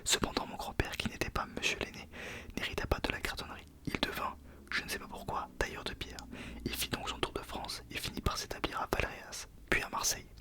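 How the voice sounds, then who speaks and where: A man reading in a soft ASMR whisper, informal, sometimes stumbling over words and correcting himself. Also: a little fast. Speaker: ASMR video creator. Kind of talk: whispered ASMR book reading with casual asides.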